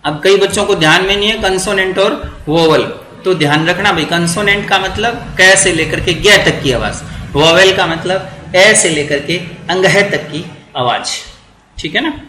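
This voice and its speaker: A man teaching English grammar for exam prep, repeating words slowly to drill pronunciation. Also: high-pitched, pushed and bright, echoey room, poor audio.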